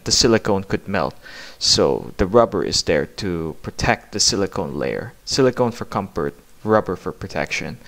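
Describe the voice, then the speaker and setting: A man's voice: low-pitched, a bit bright. A man narrating a hands-on product review in a plain-spoken, explanatory way.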